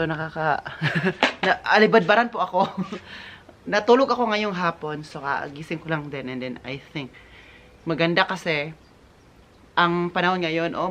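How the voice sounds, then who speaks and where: Chatty Filipino vlogger, English words mixed in. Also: female voice, on the low side, fairly bright tone, a little hiss or hum. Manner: chatty, mixes in English words, laughs often. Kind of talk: casual vlog chat to viewers. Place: home in Germany, indoors and outdoors.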